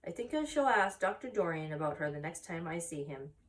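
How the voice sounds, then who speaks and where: A woman's voice: lowish voice, very animated, fairly quick, fairly bright tone. A woman voicing a worried, proper, questioning farm mother in a storybook read aloud, a little far from the mic. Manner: concerned, questioning.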